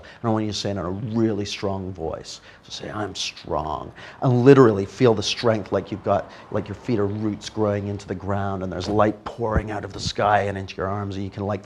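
A lowish-voiced NLP trainer leads a live demonstration in a training room before an audience, slight background noise audible behind him. He coaxes a volunteer in a playful way and stays animated with the group.

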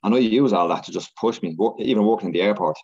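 An Irish man, a podcast guest, talking fast and animated in a casual interview chat. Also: fairly low pitch, breathy edge, dull audio. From Ireland.

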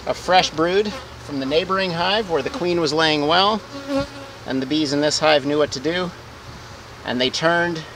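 Man in his forties, vlogger, slightly high voice, friendly step-by-step explainer, outdoor camera audio with steady background noise. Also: creaky. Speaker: beekeeping vlogger. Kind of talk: casual how-to vlog. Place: outdoors in a garden beside beehives.

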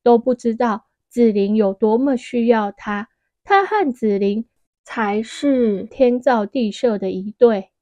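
A woman's voice: a little high, takes it slowly, dark tone, no echo. A woman voicing a scheming male villain in an audiobook, in a mocking, taunting tone.

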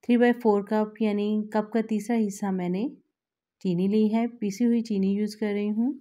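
Calm woman guiding a home recipe. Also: medium pitch, moderate pace. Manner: calm, instructive, addresses viewers directly. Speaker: cooking channel host. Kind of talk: step-by-step recipe voice-over.

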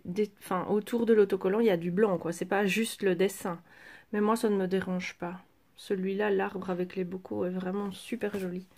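A woman chatting casually through a craft shopping haul, pausing with fillers as she handles each item. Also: medium pitch, darkish tone. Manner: chatty, hesitant fillers while handling items. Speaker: craft vlogger. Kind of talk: casual haul show-and-tell.

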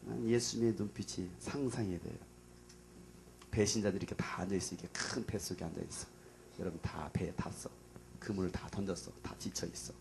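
A man preaching to a youth gathering as their pastor, dramatic and casual, swinging between loud outbursts and near whispers. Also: low voice, steady tone, a little fast, gravelly, noisy background. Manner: casual, plain speech to young listeners.

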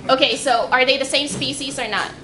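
In a library meeting room, a young woman researcher gives a casual public science talk, filling it with fillers and restarts. Her voice is high and fairly quick. The room is echoey, with crowd and background noise.

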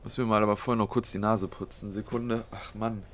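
A let's play host speaks fairly quickly in a lowish voice with little pitch movement. He has a cold and thinks out loud over a strategy game, planning moves step by step with many fillers, in a casual commentary style.

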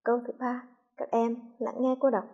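A woman from Hue with a Vietnamese accent, a primary school teacher reading a lesson slowly and clearly to young children. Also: on the high side, level tone, dark tone, lo-fi sound. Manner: slow, clearly articulated, patient.

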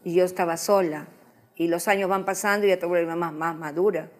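Woman, middle-aged, church testimony, halting, restarts often. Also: lowish voice, steady tone. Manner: halting, restarts, emotional recollection. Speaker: guest giving testimony. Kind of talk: personal testimony in interview.

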